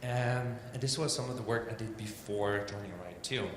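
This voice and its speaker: A native Danish speaker from Denmark gives an informal illustration talk with a Danish accent, rambling in a loose, chatty, self-deprecating style full of "like" and "um." His lowish voice moves at normal speed, recorded in an echoey hall with steady background noise.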